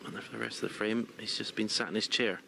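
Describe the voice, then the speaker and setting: Low-voiced male snooker co-commentator. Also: fairly even intonation, quick pace, vocal fry, pushed and bright. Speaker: snooker co-commentator, former player. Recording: noisy hall ambience behind. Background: snooker hall noise.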